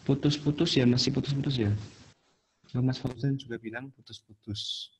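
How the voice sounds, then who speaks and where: A man's voice: medium pitch, steady tone, moderate pace, a little hiss or hum. A man tutoring students in an online class, explaining step by step, his voice breaking up over a bad internet connection. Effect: choppy, cutting-out online call audio. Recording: lo-fi online video call audio.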